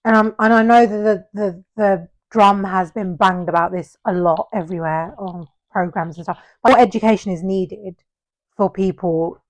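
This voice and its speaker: Woman, co-host, mid pitch, earnest and explanatory. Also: fairly even intonation, moderate pace. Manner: earnest and explanatory, speaks in long run-on points. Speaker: podcast co-host. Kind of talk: casual chat.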